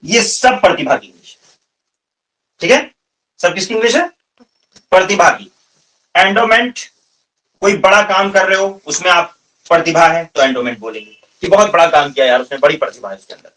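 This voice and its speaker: This lecture comes from a classroom where a Hindi-accented man in his thirties teaches English vocabulary. He has a high, bright, forceful voice, peppers students with questions, and echoes their answers back. The audio is captured from a distance.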